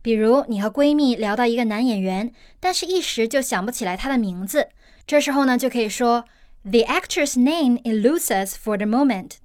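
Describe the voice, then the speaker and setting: A woman's voice: fairly high pitch, no room sound, clean studio sound. A woman teacher explaining an English news article in steps, with everyday examples.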